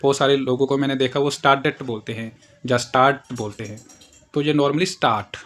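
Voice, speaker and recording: A man's voice: medium pitch, steady tone, brisk. A man teaching German pronunciation in Hindi, explaining letter by letter and repeating each example word several times. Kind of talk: language lesson explaining pronunciation.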